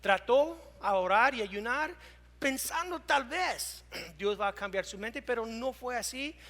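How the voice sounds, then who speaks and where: A male pastor preaching a sermon, slowing down to read scripture aloud and moving between loud emphatic lines and hushed ones. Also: extremely high pitch, lively intonation, big-room sound. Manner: reads scripture aloud slowly.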